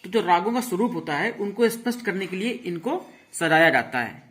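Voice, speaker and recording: A man's voice: high voice, animated, fairly bright tone. A man teaching a music lesson online, explaining rhythm and counting beats aloud with frequent "thik hai" check-ins. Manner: counts beats and recites tabla syllables slowly. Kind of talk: online lecture.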